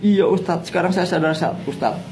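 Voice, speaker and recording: A man's voice: sits high, fairly quick, a little mellow, slight background noise, voice pushed up, lightly acted. A man voicing a remorseful middle-aged man who meekly admits his own faults, with guitar music underneath.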